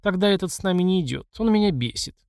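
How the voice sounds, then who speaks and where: A man's voice: mid-range voice, big pitch swings, fast talker, no echo, clean studio sound. A man voicing a proud, defiant young woman who answers with haughty retorts.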